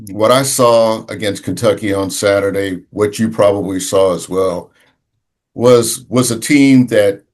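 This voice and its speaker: Male sports podcast co-host, voice on the low side, casual and halting, often restarts mid-sentence. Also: a little mellow. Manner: halting, searching for words, many restarts.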